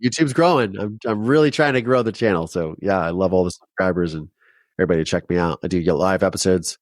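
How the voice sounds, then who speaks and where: A man's voice: low-pitched, fast, no room sound, clean studio sound. A man from Ohio, a documentary filmmaker, telling his personal story as a podcast guest, heartfelt and rambling with many restarts. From Ohio, United States.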